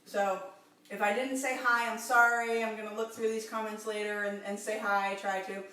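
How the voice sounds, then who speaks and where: A woman's voice: mid-range voice, flat delivery, normal speed, pushed and bright, echoey room, far from the mic. A woman chef hosting a casual live cooking demo, chatty and upbeat with many fillers. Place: kitchen.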